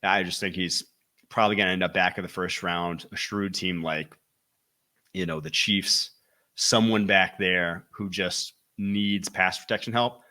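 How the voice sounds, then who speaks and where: Low, bright-voiced man from Wisconsin. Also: steady tone, measured pace. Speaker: football draft analyst podcast host. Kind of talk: solo podcast commentary.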